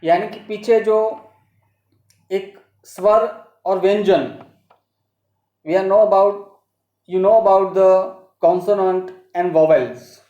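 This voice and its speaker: Woman teacher, Gujarati accent, mellow voice, lesson recording, rules read aloud then explained. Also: medium pitch, fairly even intonation. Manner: reads English rules aloud slowly, then explains them in Hindi. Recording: dull, roomy home recording.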